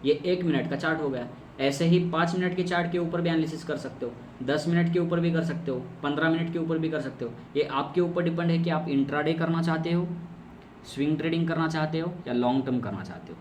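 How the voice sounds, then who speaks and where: A man's voice: fairly high pitch, a little mellow. A man teaching trading strategy on a chart, explaining step by step, repeating key terms and asking himself questions. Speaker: trading course instructor. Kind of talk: screen-recorded chart lesson. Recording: echoey room, distant mic, faint noise.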